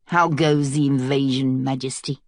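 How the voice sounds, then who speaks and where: A woman's voice: very deep voice, steady tone, normal speed, a little mellow, no room sound, clean studio sound. A woman voicing a cynical, scheming male prisoner who speaks in a mocking drawl.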